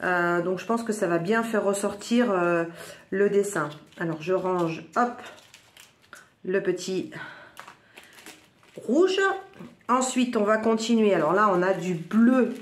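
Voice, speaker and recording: A woman from northern France with a northern French accent, chatting excitedly through a crafts unboxing at home, full of little exclamations. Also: medium pitch, takes it slowly, pauses often. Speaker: crafts vlogger. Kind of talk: casual product unboxing. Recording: roomy echo.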